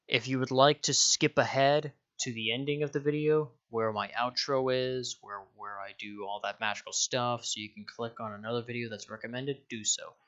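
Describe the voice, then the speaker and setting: A young Danish YouTuber chats casually to his viewers in a direct-to-camera vlog, rambling, correcting himself and swearing offhandedly. His medium-pitched voice is a bit bright with fairly even intonation, moving at a moderate pace with hardly any pauses, and the highs are cut off.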